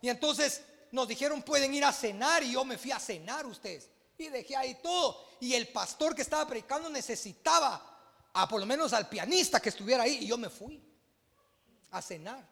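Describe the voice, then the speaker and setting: A Guatemalan pastor preaches a sermon, his voice high and bright with a gravelly edge. He swings between booming exclamations and hushed asides, while long reverb trails through the church hall. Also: animated, normal speed. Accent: Guatemalan Spanish.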